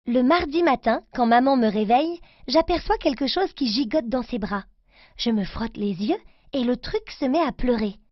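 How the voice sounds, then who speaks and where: A woman reading a children's story aloud, slowly and clearly, in a careful reading voice for children. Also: on the high side, expressive, no room sound, dull audio.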